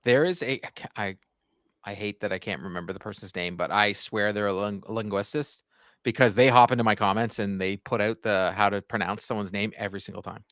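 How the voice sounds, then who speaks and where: A man's voice: fairly low pitch, steady tone, a little fast, a bit bright, dry recording, clean studio sound. A man in his forties from Canada, chatting casually about his hockey channel with plenty of fillers and restarts. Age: 40s. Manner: chatty, rambling, lots of fillers. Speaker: hockey YouTuber guest. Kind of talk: casual podcast chat.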